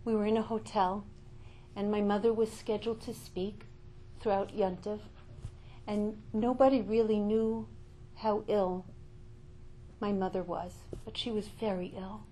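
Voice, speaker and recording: A middle-aged woman giving an inspirational Torah talk, passionate, rising to loud calls and falling to hushed, slow reflection. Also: mid-range voice, flat delivery, slight background noise, low-quality recording. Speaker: religious speaker.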